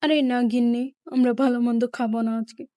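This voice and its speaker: A woman voicing a tired, gentle village father who mildly persuades his wife in a doll story. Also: a little high, flat delivery, dry recording, close to an everyday voice. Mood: persuading. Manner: slow, mild persuading.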